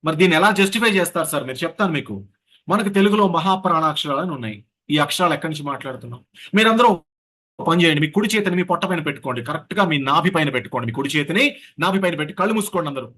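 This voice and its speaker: A man's voice: fairly high pitch, rapid-fire, slightly rough. A man teaching an online voice class, leading the group through breathing and syllable drills. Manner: lively, leads breathing and sound drills. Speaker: voice coach. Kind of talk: online voice workshop lecture. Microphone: video call.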